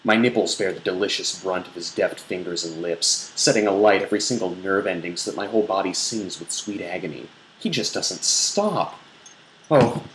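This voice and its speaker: Here a man, a blogger, dramatically reads from an erotic novel, hamming it up in a theatrical, mock-sensual way. His voice is low but fairly bright in tone, captured with roomy echo and faint background noise.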